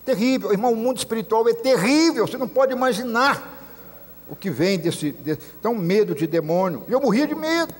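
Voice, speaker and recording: A man's voice: high voice, animated, fairly quick. A man with a Brazilian Portuguese accent, a messianic rabbi preaching a sermon, telling stories and acting out the voices he quotes. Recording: long hall reverb.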